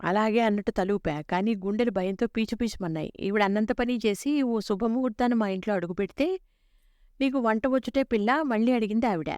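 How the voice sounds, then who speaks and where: A woman narrates a serialized story in a steady, even way. Her voice is smooth and clear. The recording is close and dry, with no room echo. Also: medium pitch, fast talker.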